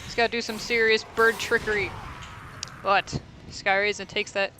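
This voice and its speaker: A man's voice: high-pitched, little pitch movement, moderate pace, music in the background, low-quality recording. A man giving casual, rambling play-by-play commentary on a fighting game tournament, thinking aloud and poking fun at himself.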